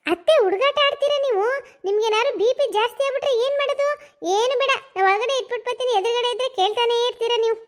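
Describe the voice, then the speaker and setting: A woman's voice: very high-pitched, quick pace. A woman voicing a scheming young daughter-in-law in a cartoon comedy, fussy and coaxing, dropping English catchphrases. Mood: sly scolding.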